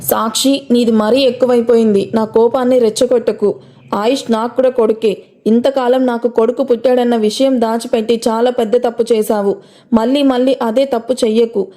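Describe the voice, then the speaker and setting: Brief: woman reading a hot-tempered young father in a story, demanding and argumentative, slightly high and warm. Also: steady tone, normal speed, lightly acted. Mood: angry. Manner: shouting, then pleading. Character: angry insistent young father, demanding man.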